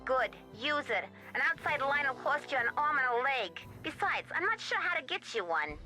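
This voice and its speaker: A woman's voice: high voice, sing-song, normal speed, bright, forceful tone, soft background music, exaggerated voice. An actress playing a blunt, impatient young woman hotel phone operator in a game. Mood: brusque.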